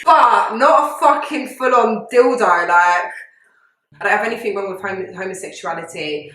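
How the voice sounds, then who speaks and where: Co-hosting a YouTube chat from an echoey room, a woman with a British accent responds to confessions bluntly, with strong opinions and plenty of swearing. Her mid-range voice is bright and forceful, at a normal speed.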